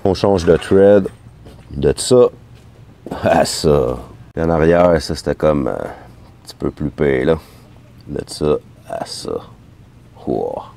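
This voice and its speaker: Gravelly Quebec French motovlogger. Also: male voice, a bass voice, expressive, slow, long pauses. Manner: chatty, upbeat, slangy. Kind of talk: casual riding commentary. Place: outdoors riding a motorcycle. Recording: loud wind and engine noise.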